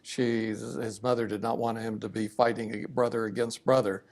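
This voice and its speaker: An older man, a veteran, remembering his family history haltingly in an interview. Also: mid-range voice, little pitch movement, darkish tone. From southern Ohio, United States.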